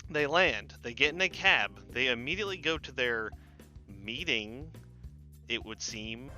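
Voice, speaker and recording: A man's voice: mid-range voice, animated, unhurried, pushed and bright, soft background music. A man hosting a comedy movie podcast, recapping the plot in a rambling, sarcastic way and swearing often. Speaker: host.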